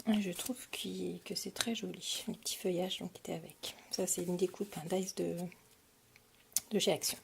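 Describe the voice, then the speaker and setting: A woman's voice: fairly low pitch, steady tone, normal speed, gravelly, background noise. A French woman casually showing her craft supply purchases on camera, talking with many hesitations and fillers. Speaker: crafting vlogger. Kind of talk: casual product haul.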